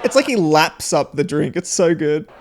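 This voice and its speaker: A man's voice: fairly high pitch, lively intonation, normal speed, crowd noise, noisy background. A man hosting a film reaction, chatting casually, laughing often and talking back to the screen. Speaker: reaction video host.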